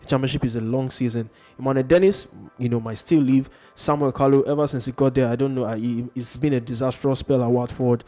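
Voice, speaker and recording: Mellow-voiced man hosting sports chat. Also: medium pitch, steady tone, fast, few pauses, faint music behind. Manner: hesitant, many fillers. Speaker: sports show host.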